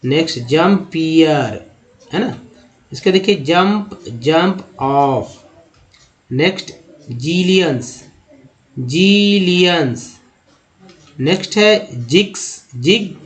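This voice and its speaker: Man slowly drilling English words. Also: on the high side, poor audio. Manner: drawn-out repeated words, steady drilling. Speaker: English teacher. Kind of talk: slow pronunciation lesson, reading a word list.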